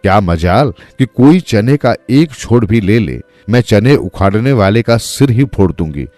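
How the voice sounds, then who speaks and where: A man's voice: lowish voice, lively intonation, unhurried, a little mellow, no echo. A man voicing a harsh scolding old woman. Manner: scolding, threatening. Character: harsh quarrelsome old village woman, threatening.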